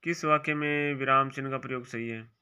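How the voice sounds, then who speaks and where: A man teaching an exam-prep grammar lesson, reading each quiz option aloud and then briefly marking it right or wrong in quieter, lower asides. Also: fairly even intonation, brisk, clean tone, lo-fi sound.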